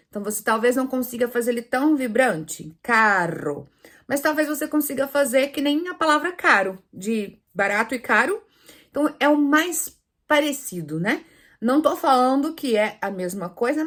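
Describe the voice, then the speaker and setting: A woman teaching Spanish pronunciation in Portuguese, lively, asking viewers questions and demonstrating sounds aloud. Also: a little high. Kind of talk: online language lesson.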